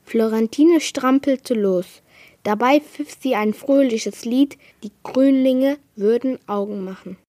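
A woman reading a children's book aloud in a slow, measured storytelling manner. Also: a little high, warm tone. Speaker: reader.

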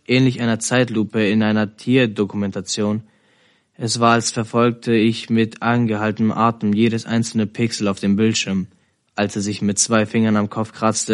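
A man reading a novel aloud in a measured, steady way. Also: fairly low pitch. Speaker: reader.

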